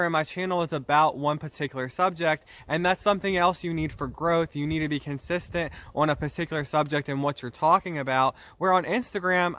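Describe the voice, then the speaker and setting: A man's voice: a little high, pushed and bright, dry recording. A young man hosting his own channel, talking straight to camera in an earnest, explanatory and slightly defensive way. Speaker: YouTube channel host. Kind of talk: direct-to-camera vlog talk.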